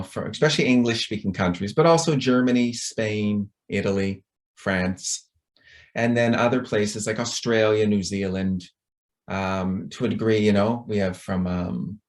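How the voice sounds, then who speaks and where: A middle-aged man with a fairly low voice gives a conference talk over a video call. He is chatty and rambling, with a self-deprecating manner. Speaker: conference speaker.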